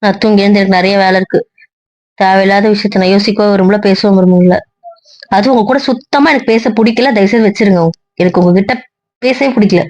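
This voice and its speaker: Bitter, sarcastic wife, fast cutting delivery, dry audio, played by a woman. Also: medium pitch, steady tone, a little mellow, no echo, natural voice. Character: hurt, bitter young wife on the phone. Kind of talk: amateur audio drama.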